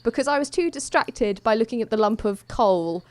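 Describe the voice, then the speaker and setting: A woman's voice: on the high side, expressive, normal speed, darkish tone. A woman hosting a podcast, chatting casually about a baking show with light amusement. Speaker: podcast host. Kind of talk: casual chat.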